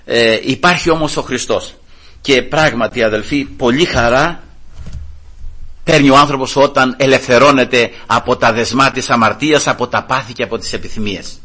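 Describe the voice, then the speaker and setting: A middle-aged man from the Peloponnese preaching a sermon in church, telling his own story as an animated storyteller who keeps turning to address the congregation. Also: medium pitch, slightly rough. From Greece, Peloponnese. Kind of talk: sermon with personal testimony.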